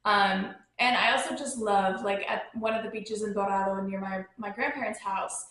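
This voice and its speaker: A woman's voice: medium pitch, fairly even intonation, moderate pace, fairly bright tone. Chatty young woman recorded on a phone. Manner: chatty and rambling, lots of "like" and "um". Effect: recorded on a phone, echoey. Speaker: podcast host. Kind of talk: casual travel chat. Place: at home near her dogs.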